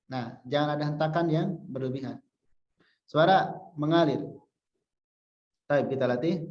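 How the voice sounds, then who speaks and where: A male religious teacher with a somewhat high voice leads a recitation lesson at a slow, unhurried pace, patiently drilling single syllables. The recording is roomy and echoey, with a dull, lo-fi sound. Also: darkish tone. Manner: patient, repeats syllables to demonstrate pronunciation; chants example verses slowly.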